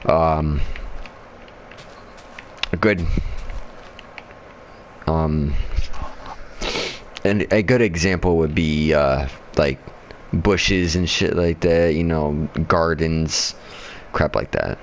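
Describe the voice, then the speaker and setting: Super deep voiced gamer dude, tired after work, swears constantly, keeps losing his train of thought. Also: slight background noise. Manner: rambling and profane, with frequent pauses and restarts. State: tired after a night shift. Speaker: gamer streaming his own play. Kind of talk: casual gameplay chat.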